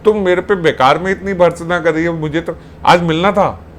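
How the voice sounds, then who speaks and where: A man's voice: on the high side, steady tone, fairly quick, slight background noise, close to an everyday voice. A man voicing a young divine lover who makes flustered, stammering excuses. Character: young divine lover, sheepish and pleading innocence.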